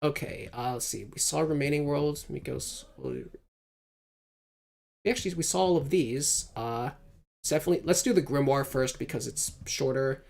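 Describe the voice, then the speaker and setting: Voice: mid-range voice, lively intonation, moderate pace, gravelly, a little mellow. Rambling streamer full of "like"s. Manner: rambling, many filler "like"s. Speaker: streamer reading a visual novel. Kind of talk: casual let's-play chat and reading.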